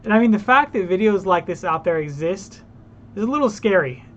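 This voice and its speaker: Ranting man, high voice, muffled sound. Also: expressive, a little fast, a bit bright. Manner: heated, ranting, talks to viewers. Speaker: reaction video host. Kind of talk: casual reaction commentary.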